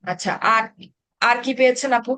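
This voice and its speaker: A woman's voice: on the high side, normal speed, sharp tone, dry recording. Bengali-accented woman teacher, patient, keeps asking the class stuff, dry close mic. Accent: Bangladeshi Bengali. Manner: explains patiently, asks students questions. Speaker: Arabic grammar teacher.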